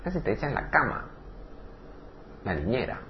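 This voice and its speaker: A man teaching a spiritual lecture in an animated way. He keeps throwing rhetorical questions at his listeners and sometimes acts out other voices. The recording is slightly dull, with a faint hiss behind it. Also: medium pitch, moderate pace.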